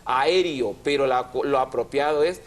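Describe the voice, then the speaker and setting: Man, TV host, explanatory, spells out syllables slowly, a bit high-pitched. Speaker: TV language program host. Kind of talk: didactic TV chat.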